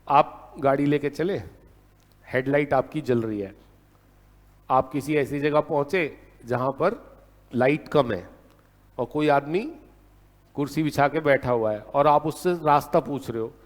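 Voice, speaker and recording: A man teaching a law lecture in a lively storytelling way, often checking in with his class. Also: a little high, long reverb tail. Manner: lively storytelling, keeps asking "है ना?".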